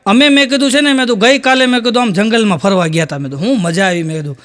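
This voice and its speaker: A man's voice: high voice, very fast, fairly bright tone. A man doing live stand-up with a rural Saurashtra Gujarati accent, telling jokes and acting out quoted characters in raised voices. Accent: Gujarati, Saurashtra rural dialect. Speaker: stand-up comedian.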